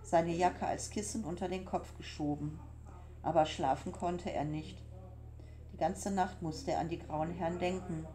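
Mellow woman reading an audiobook. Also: lowish voice, fairly even intonation, measured pace, slight background noise. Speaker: audiobook reader. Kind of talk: scripted narration.

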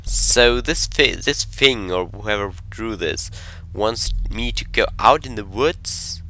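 A man's voice: on the low side, expressive, slow pace, pushed and bright, a little hiss or hum. A man commentating his own horror game play, jumpy and talking to himself, sometimes dropping to a whisper when scared. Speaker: gameplay commentator.

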